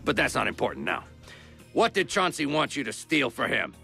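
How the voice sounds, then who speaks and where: Gravelly tough-guy agent. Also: medium pitch, huge pitch swings, moderate pace, sharp tone, faint music behind, exaggerated voice. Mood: wisecracking. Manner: tough-talking, sarcastic. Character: gruff tough-guy male agent, wisecracking. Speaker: interrogating agent. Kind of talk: video game cutscene voice acting.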